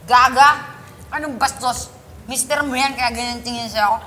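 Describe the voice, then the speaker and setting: A woman's voice: fairly high pitch, fairly even intonation, normal speed, over loud music, close to an everyday voice. A woman playing a blunt, bossy drinking friend in a comedy skit, brash and scolding. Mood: mocking.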